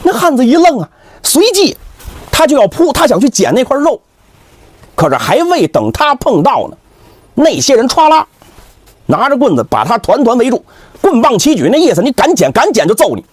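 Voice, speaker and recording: A man performing traditional Chinese storytelling in a dramatic, animated way. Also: very high-pitched, normal speed, breathy edge, no echo. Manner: dramatic, animated, with vivid sound words.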